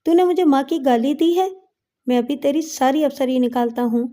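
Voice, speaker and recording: Woman reading as a brave young cop standing up for what's right, firm and steady. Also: sits high, close to an everyday voice. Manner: firm and principled. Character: brave, upright young male police officer.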